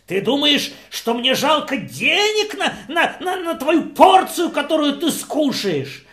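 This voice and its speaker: A storyteller voicing a wealthy feast host who shouts in rage, raised and loud, in an echoey room. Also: sits high, big pitch swings, a little slow, pitched above the performer's own voice, heavily acted. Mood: furious. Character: furious rich man, host of a feast.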